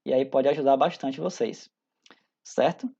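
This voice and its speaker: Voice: medium pitch, fairly even intonation, a little slow, gravelly, dark tone, breathy edge. A teacher in their thirties with a Brazilian accent, giving a recorded class in an informal, chatty way, often hesitating and restarting sentences. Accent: Brazilian Portuguese. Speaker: English teacher. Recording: dull lo-fi audio.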